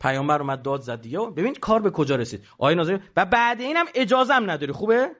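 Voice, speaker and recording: A man giving an animated religious lecture, emphatic and rhetorical, now and then mimicking the voices of others. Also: sits high, highs cut off.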